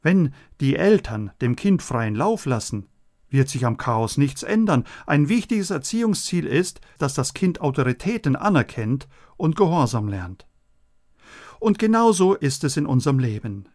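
A man giving a scripted radio sermon, earnest and measured, speaking straight to the listeners. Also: on the high side, big pitch swings, a little mellow. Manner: earnest, measured preaching, addressing listeners directly. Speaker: radio preacher.

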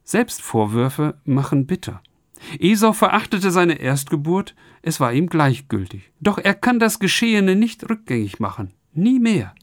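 Earnest man giving a lively radio sermon. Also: fairly high pitch, unhurried, no room sound, studio quality. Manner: earnest, addresses listeners directly. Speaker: radio preacher.

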